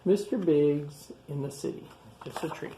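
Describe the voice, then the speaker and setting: A man hosts a storytime, reading a picture book aloud to children and pausing to point out and remark on the pictures in simple, repetitive phrases. His voice is on the high side and warm, though the low-quality recording has some hiss or hum.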